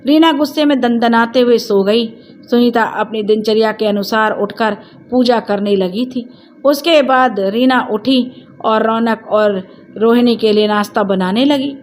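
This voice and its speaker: A woman telling a scripted family drama story in a steady, plain narrating voice. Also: a little high, a little slow.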